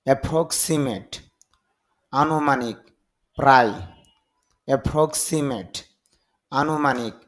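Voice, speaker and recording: A man with a Bengali accent teaching vocabulary, slowly drilling each word and its meaning with careful repetition. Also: mid-range voice. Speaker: English teacher. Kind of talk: vocabulary lesson.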